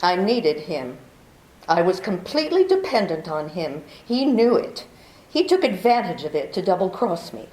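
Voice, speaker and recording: A woman's voice: on the low side, very animated, moderate pace, darkish tone. A woman playing a scheming young woman who pleads melodramatically for protection, in 1940s radio drama style, in a roomy recording. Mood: guarded.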